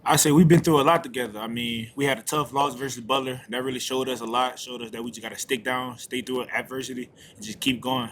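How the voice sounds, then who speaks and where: A young man with a medium-pitched voice gives post-game interview answers as a college football player. His phrases are short, plain and colloquial, with some faint noise behind them. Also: fairly even intonation, quick pace, hardly any pauses, a bit bright. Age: young adult.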